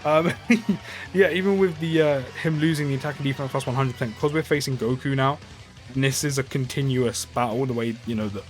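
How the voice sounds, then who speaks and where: A man's voice: mid-range voice, brisk, faint music behind. A man giving casual, rambling commentary while playing a mobile game, full of fillers and restarts. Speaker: gaming YouTuber.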